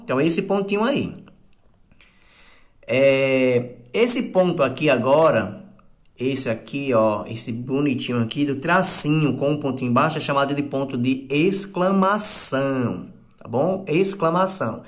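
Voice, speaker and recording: Guy teaching kids a lesson, patient, goes step by step, kinda high voice, keeps checking in. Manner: patient, explaining step by step with frequent "tá bom?" checks; acts out sample exclamations in a raised, drawn-out voice. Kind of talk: recorded class lesson for children.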